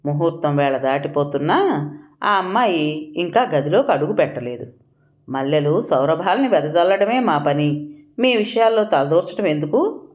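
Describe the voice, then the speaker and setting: A narrator reading a scripted audio story in an even, descriptive way. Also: mid-range voice.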